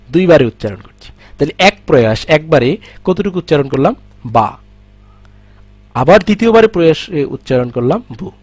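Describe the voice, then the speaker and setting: A man's voice: medium pitch, husky, no room sound. A man teaching an exam-prep grammar lesson with a Bangladeshi Bengali accent, asking questions and answering them himself.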